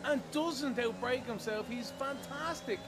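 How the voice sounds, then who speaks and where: A man giving live racing commentary as an excitable motorsport commentator. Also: very high-pitched, unhurried, noisy background. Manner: motorsport commentator delivery, building excitement on moves.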